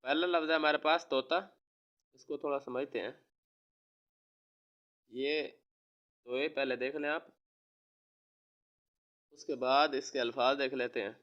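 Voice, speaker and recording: A man from Pakistan, a teacher giving a recorded lesson to young children, slowly spelling out words and repeating them. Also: medium pitch, fairly even intonation, lo-fi sound. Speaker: online school teacher.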